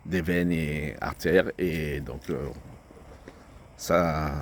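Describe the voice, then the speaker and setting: Middle-aged man, very deep and slow, halting casual vlog chat outdoors, lots of ums and restarts. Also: darkish tone, a little hiss or hum. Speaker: vlogger. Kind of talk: casual rambling vlog talk. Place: outdoors by a road.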